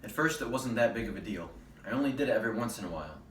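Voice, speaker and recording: In a rehearsed readers theater monologue, a man plays a guilt-ridden young man confessing a secret addiction. His lowish, natural voice is animated and rapid-fire, captured on a roomy, distant mic with background noise.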